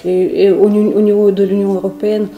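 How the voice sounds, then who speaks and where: A woman's voice: medium pitch, level tone, brisk, phone-quality sound. A middle-aged woman from Ukraine with a Ukrainian accent, earnestly answering interview questions with many restarts. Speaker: interviewee, volunteer. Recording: echoey room with music under.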